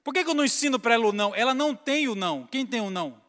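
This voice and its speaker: A man's voice: extremely high pitch, very fast, long reverb tail. A man giving a humorous sermon, acting out scenes and calling his listeners brothers. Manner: animated storytelling, acts out scenes, addresses crowd as brothers. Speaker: preacher.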